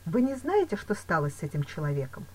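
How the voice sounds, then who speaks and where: A woman with a husky edge and lively pitch reads an audiobook character: a calm but suspicious male fencing master. He speaks slowly and deliberately, reasoning through each doubt before voicing it, like a measured figure from a storybook.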